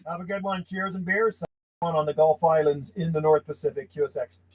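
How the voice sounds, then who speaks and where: A CB radio host with a voice on the high side talks casually with buddies from a small insulated shack outdoors from the house. He speaks briskly in a steady tone, with background noise audible.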